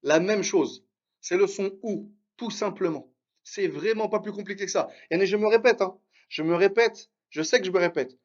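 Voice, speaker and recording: High-voiced encouraging male Arabic teacher. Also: lo-fi sound. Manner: encouraging, repeats and drills syllables slowly. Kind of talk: live online reading lesson.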